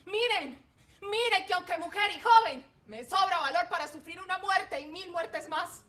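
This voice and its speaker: A woman's voice: high-pitched, normal speed, fairly bright tone, distant mic. A woman playing a young patriot heroine who faces execution, speaking in a declamatory stage manner. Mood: defiant. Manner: declamatory, defiant.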